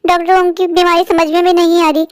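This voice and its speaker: A woman's voice: extremely high pitch, flat delivery, brisk, no echo, studio quality. A woman voicing a timid, devoted young boy in a cartoon, speaking earnestly and pleadingly. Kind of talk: cartoon voice acting.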